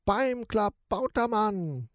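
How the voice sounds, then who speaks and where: A man voicing a squeaky, fearful male ship's rat in a storybook, shrieking in panic. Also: lively intonation, slow, dry recording, clean studio sound. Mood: alarmed.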